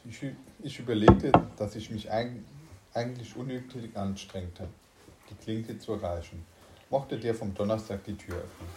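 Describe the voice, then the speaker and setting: A man's voice: on the low side, fairly even intonation, normal speed, roomy sound, background noise. A man reading a science fiction story aloud in German, unpolished, with slips and restarts. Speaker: story reader.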